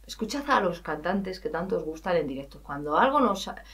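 A woman's voice: fairly low pitch, a little fast, distant mic. A woman from Spain with a Spanish accent, a singing teacher talking casually and animatedly on a podcast, acting out her students' lines. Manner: animated, chatty, acts out students' lines, laughs at herself.

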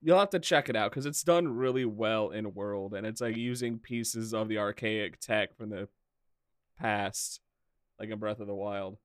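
A man's voice: fairly low pitch, fairly even intonation, moderate pace, clean tone, dry recording, clean studio sound. A man co-hosting a casual gaming podcast, eagerly explaining game features at length. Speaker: podcast co-host. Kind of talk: casual chat.

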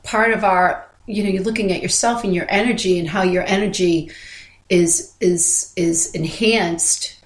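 A woman's voice: lowish voice, fairly even intonation. Thoughtful woman podcaster in an echoey room. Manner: thoughtful, halting, repeats phrases. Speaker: podcast co-host. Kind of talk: casual reflective conversation. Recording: roomy, echoey sound.

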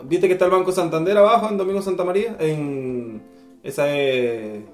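High-voiced Venezuelan man in a roomy space. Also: moderate pace, faint music behind. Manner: animated storyteller who acts out quoted voices. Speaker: podcast guest. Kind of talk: casual chat.

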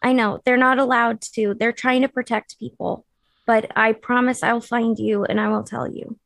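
A woman's voice: a little high, flat delivery, moderate pace, gravelly, fairly bright tone, no room sound. A woman playing a tabletop game, talking casually as she role-plays in her own voice. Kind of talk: casual in-character role-play.

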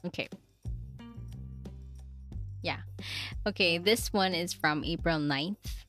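A woman's voice: fairly low pitch, slow, fairly bright tone, soft background music. A young woman reads her diary entries aloud in a casual chat, breaking off for giggles and self-mocking asides. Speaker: vlogger reading her diary.

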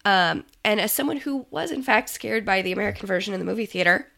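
A woman's voice: medium pitch, lively intonation, quick pace, vocal fry, bright, forceful tone. A woman co-hosting a podcast, chatting casually with plenty of ums and easy laughs. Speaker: podcast co-host. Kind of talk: casual chat.

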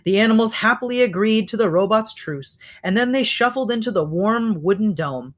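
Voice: medium pitch, expressive, moderate pace. A reader reading a children's novel aloud, now and then stopping to correct slips.

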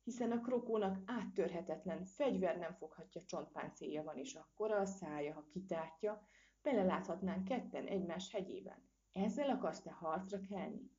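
A woman's voice: fairly low pitch, warm tone, natural voice. A woman voicing a timid, fretful male monkey in a storybook reading, panicky and pleading. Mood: fearful. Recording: dull lo-fi recording.

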